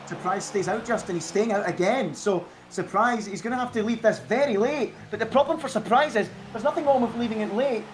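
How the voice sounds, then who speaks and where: A man's voice: high voice, fairly quick, hardly any pauses, slight background noise. A man giving co-commentary and analysis on a live esports race, chatty and fond of rhetorical questions.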